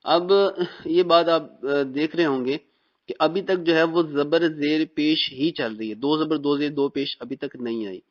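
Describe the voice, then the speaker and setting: A man from Pakistan teaching Quran reading in a recorded lesson, patiently explaining and drilling letter sounds slowly. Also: fairly high pitch. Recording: dull, muffled recording.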